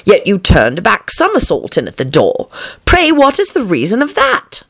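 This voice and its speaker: A woman's voice: medium pitch, wildly swooping pitch, moderate pace, vocal fry, fairly bright tone, no echo, studio quality, pitched above the performer's own voice, exaggerated voice. A woman playing an inquisitive, cheeky young man, declaiming questions in storybook verse.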